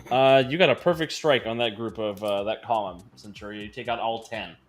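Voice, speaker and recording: A man's voice: lowish voice, brisk, faint music behind. A man running a tabletop game as game master, casually refereeing and encouraging his players.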